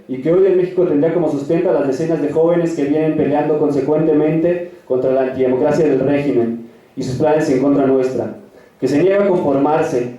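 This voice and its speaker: Young guy reading out a rallying political speech, kinda high voice, far from the mic in a boomy echoey hall. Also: warm tone. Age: young adult. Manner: declamatory, formal, rallying. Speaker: youth political activist giving a speech. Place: large echoing hall at a rally. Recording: echoey hall, distant mic, dull sound.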